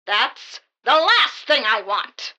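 A woman plays a practical, impatient radio-drama sleuth. Her voice is high and sharp, with very animated pitch. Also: slow pace, exaggerated voice. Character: impatient, practical female investigator. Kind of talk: comic radio drama acting.

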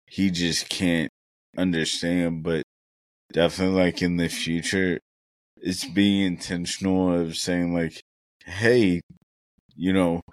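A man's voice: low-pitched, level tone, slow pace, pauses often, no echo. A young man co-hosting a casual podcast, talking in an earnest, reflective way and thinking aloud with many fillers. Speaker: podcast co-host.

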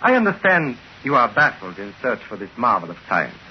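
A man's voice: mid-range voice, fairly quick, close to an everyday voice. An actor playing a sly, obsequious male trinket dealer in a 1940s radio drama, speaking in broken, overly polite phrases. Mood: fawning. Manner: fawning, excitable, broken formal speech. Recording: dull old radio broadcast with faint hiss.

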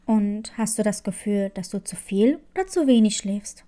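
A woman voicing a calm, middle-aged female school nurse who questions a child gently, in a storybook tale. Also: mid-range voice, moderate pace, voice pushed down, close to an everyday voice. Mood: gently probing.

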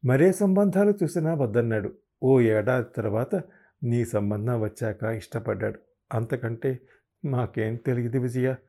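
A man voicing an affectionate, protective older mother-in-law in an audiobook reading, coaxing and quick to worry. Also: mid-range voice, mellow. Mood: explaining. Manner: coaxing, worried, quickly indignant.

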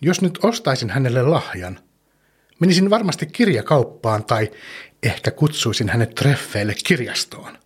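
A man hosting a children's podcast, gently telling a story and asking the young listener questions. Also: mid-range voice, big pitch swings, husky.

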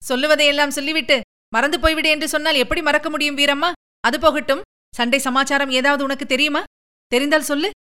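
A woman's voice: high-pitched, steady tone, fast, pushed and bright, voice pushed up. A woman voicing a worried, lovesick young princess who speaks in a pleading, emotional way.

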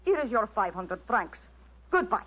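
Tragic heroine, young n passionate, big swooping melodrama, old muffled radio play. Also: female voice, medium pitch, very animated, moderate pace, fairly bright tone, slight background noise. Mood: guarded. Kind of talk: 1940s radio drama acting. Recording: dull old radio recording, music behind.

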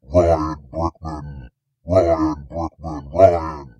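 A possessed demonic voice for a tabletop horror game. It is extremely deep and drags out each word ominously, with little melodic movement and a dry, close sound. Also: male voice, little pitch movement, dark tone, no echo, lo-fi sound, heavily acted. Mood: ominous, commanding. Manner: possessed, slow ominous drawn-out summons. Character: possessing male demonic voice haunting a man's mind.

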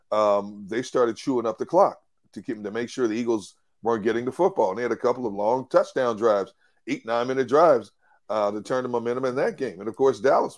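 Man, sports talk co-host, emphatic, analytical, restarts often. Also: medium pitch.

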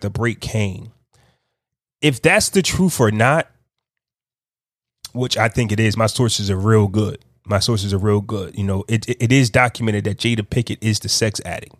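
A man hosting a podcast, giving casual unscripted commentary, talking slowly and thinking aloud with frequent restarts. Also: medium pitch, fairly even intonation, no echo, clean studio sound. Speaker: podcast host.

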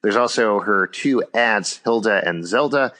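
A man co-hosts a podcast with an easy, joking manner and laughs often. His voice sits a little low and sounds bright and forward. He rambles cheerfully through an episode recap. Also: unhurried. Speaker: podcast co-host.

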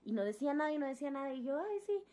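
A woman's voice: high voice, racing. A young woman with a Mexican accent, telling a personal story in casual chat and acting out the voices of the people in it. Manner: animated storytelling, acts out quoted voices.

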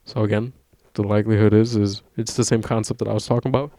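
A man's voice: lowish voice, flat delivery, quick pace, warm tone, no room sound, studio quality. A young man chatting casually on a podcast, rambling and swearing often, with frequent laughs. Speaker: podcast co-host. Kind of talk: casual chat.

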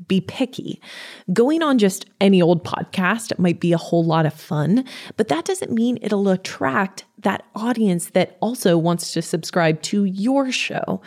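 A woman's voice: lowish voice, a little mellow. A woman hosting a podcast, delivering scripted how-to advice in an upbeat, tidy vlogger manner with playful asides. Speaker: podcast host giving advice.

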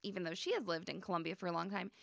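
Bright, gravelly woman podcast co-host. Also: on the low side, lively intonation, rapid-fire, dry recording, clean studio sound. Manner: chatty, laughing, tells stories with impressions. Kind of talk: casual chat.

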